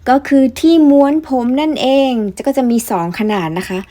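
A woman's voice: high-pitched, expressive, normal speed. Chatty young woman reviewing a gadget. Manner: chatty, polite, frequent soft particles. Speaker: beauty product reviewer. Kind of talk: casual product review vlog.

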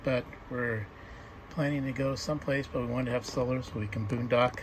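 A man filming a walk-through of his camper trailer on a handheld phone, explaining things in a plain, halting way with many ums and restarts. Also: mid-range voice, steady tone, noisy background. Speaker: camper owner showing a solar install. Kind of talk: casual walk-through narration. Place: outdoors and inside a small camper trailer.

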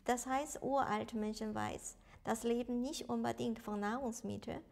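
A woman's voice: a little high, steady tone, unhurried, creaky, a little mellow. A middle-aged woman explaining in broken, non-native German in an interview at home. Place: home study with bookshelves.

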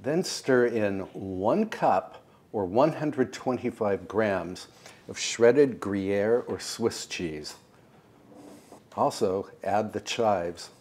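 Cooking at home on his show, an older American man with a fairly low voice explains every step in a calm, exact, quietly encouraging manner. A lapel mic picks up his voice in the kitchen.

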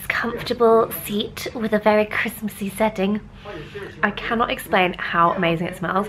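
A young woman vlogging in a chatty, bubbly way, a bit stuffy from a cold. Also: medium pitch. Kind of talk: casual vlog chat.

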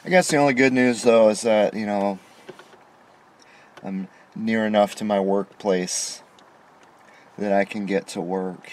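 Indignant middle-aged man, low voice. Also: fairly even intonation, measured pace, long pauses. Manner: aggrieved, indignant, rising emphasis on complaints. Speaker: vlogger. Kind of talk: frustrated monologue to camera. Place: inside a parked car at night. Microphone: camera on dashboard facing him.

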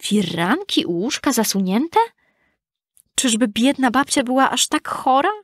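A woman's voice: lively intonation, a little slow, no room sound, clean studio sound. A woman doing a frightened little girl. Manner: high, bright childlike voice. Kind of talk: storybook reading.

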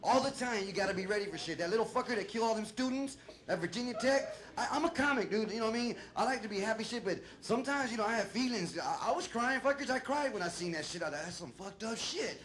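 A middle-aged man doing a loud, profane, rambling stand-up set on a club stage, shouting his punchlines. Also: sits high, lively intonation, fast talker. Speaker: stand-up comedian. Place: comedy club stage with a laughing audience. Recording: echoey live room, loud crowd noise.

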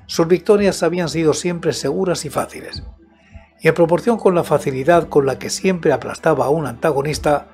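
A man in his seventies narrating a horror tale in a slow, deliberate, measured storytelling manner, close on a studio microphone. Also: fairly high pitch, darkish tone. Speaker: audiobook narrator and host of a horror story show. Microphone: close studio microphone with headset monitoring. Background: background music.

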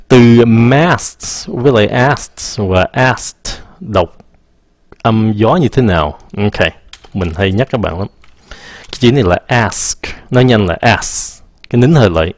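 A low-pitched man talks through English pronunciation at an unhurried pace, drawing words out to demonstrate them. He mixes two languages and chuckles at his own mistakes. The sound is dry and close, with keyboard typing behind him. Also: animated, dry recording. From Vietnam. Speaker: English teacher answering viewer questions. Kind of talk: casual live-stream English lesson.

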